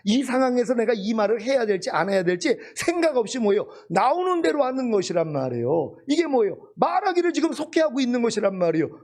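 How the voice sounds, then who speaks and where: A man's voice: high voice, darkish tone. A man preaching a sermon, asking the congregation rhetorical questions and driving each point home with emphatic repetition. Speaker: pastor.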